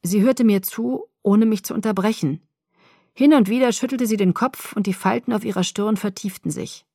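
A woman narrating a novel in the first person as an audiobook, with steady storytelling. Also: medium pitch, normal speed, no room sound, clean studio sound.

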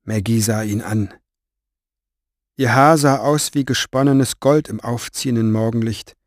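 Measured male audiobook narrator, dry. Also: medium pitch, no room sound. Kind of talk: scripted fantasy novel narration.

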